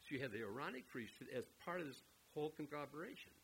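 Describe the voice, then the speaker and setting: A man's voice: on the high side, fast talker, vocal fry, poor audio. A man preaching a sermon, teaching through Bible verses with emphatic repetition and direct questions to the congregation. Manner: lively, emphatic, repeats words, asks the audience directly. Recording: faint hiss on the recording.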